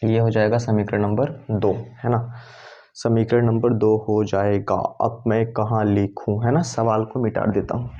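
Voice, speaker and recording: A man's voice: lowish voice, little pitch movement, unhurried, warm tone. A male math teacher explains each step as he writes on the board. He keeps checking in with "है ना" and answers his own questions. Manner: talks while writing, with constant "है ना" checks; asks questions and answers them himself. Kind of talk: board-work math lesson. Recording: dull lo-fi sound.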